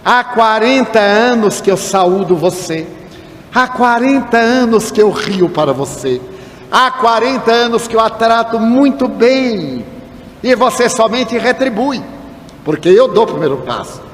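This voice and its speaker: A man's voice: high-pitched, big pitch swings, normal speed, slight background noise. A resentful older woman complains that she has been slighted, as a male lecturer puts her on. Her voice rises a little above his own and echoes through a large hall. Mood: reproachful.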